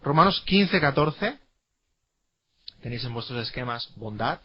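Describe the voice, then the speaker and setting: A man's voice: mid-range voice, lively intonation, a little slow, breathy edge, lo-fi sound. A man teaching a classroom lecture, emphatic, repeating key words and asking rhetorical questions.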